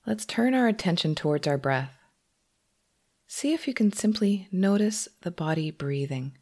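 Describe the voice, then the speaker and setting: A meditation teacher, a woman whose voice sits on the low side, guides a meditation gently and without hurry, leaving long pauses. Her delivery is animated.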